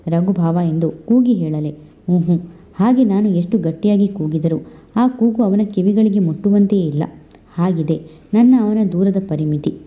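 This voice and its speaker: A woman voicing a heartbroken young woman torn over her marriage, speaking her inner thoughts slowly and pleadingly. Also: medium pitch, warm tone, muffled recording, natural voice. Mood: anguished. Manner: slow, pleading inner monologue.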